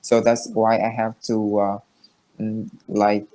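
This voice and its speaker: Slow, halting Vietnamese-accented man. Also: lowish voice, monotone, warm tone. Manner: halting, many fillers and restarts. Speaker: English learner vlogging daily progress. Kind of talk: casual self-recorded vlog and video call lesson.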